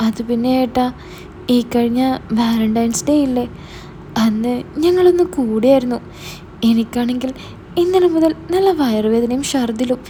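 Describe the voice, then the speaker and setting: A frightened teenage girl, as a woman puts her on stumbles over her words and begs in a high, anxious voice. The tone stays soft and mellow rather than sharp, and there is a faint hiss behind it in this storybook reading. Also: lively intonation, normal speed, long pauses, natural voice. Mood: scared pleading. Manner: hesitant, stammering. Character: teenage girl, younger sister, scared and pleading.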